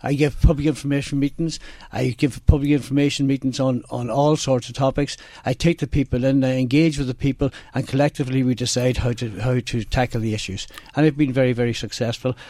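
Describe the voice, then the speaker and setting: A man with a Donegal Irish accent, a local election candidate answering in a radio interview, halting and often repeating himself. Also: mid-range voice, fairly even intonation, dark tone, no room sound. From Donegal, Ireland. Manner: halting, repetitive delivery. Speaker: election candidate, independent councillor. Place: radio studio. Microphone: studio microphone.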